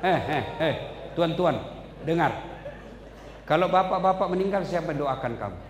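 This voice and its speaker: Animated male preacher. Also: on the high side, moderate pace, a crowd in the background. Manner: animated, swings between loud and hushed. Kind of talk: sermon. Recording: echoey hall with faint ambience.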